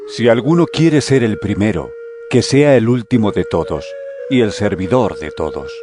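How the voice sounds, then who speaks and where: An actor playing Jesus in an audio drama, a solemn, authoritative yet gentle male teacher speaking in measured phrases. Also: on the low side, animated, music in the background, lightly acted.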